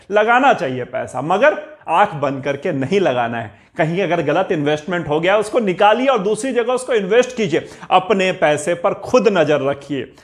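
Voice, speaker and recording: Earnest, higher-pitched male motivational speaker. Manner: earnest and exhorting, with rhetorical questions and repeated commands. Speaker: motivational speaker on personal finance. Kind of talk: motivational talk.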